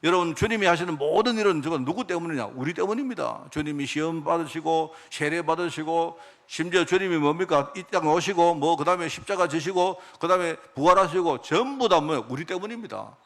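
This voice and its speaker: A middle-aged male pastor preaching a sermon. He keeps asking the congregation questions and answering them himself, and he drops to a quiet aside at the ends of phrases. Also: a little high, fairly quick, few pauses.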